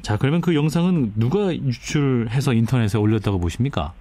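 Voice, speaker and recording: Fast-talking male radio news host. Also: medium pitch, animated, warm tone, dry recording. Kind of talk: broadcast interviewing. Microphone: close studio microphone.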